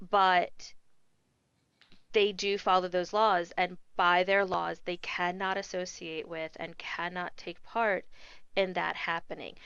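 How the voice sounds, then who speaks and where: Earnest woman co-host on a casual podcast, fumbling with ums, low gravelly voice, dull lo-fi sound. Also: fairly bright tone, dry recording. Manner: earnest, hesitant, many ums and restarts. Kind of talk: casual panel discussion.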